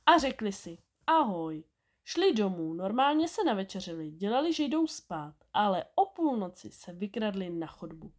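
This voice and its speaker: A woman reading a bedtime story aloud, expressive and animated. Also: mid-range voice, few pauses.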